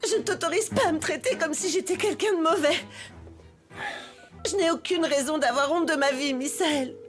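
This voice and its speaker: A woman acting as a proud young mother who has been wronged, in a dubbed TV melodrama. Her voice is high and pleading, with music playing underneath. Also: normal speed, natural voice. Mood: wounded, indignant.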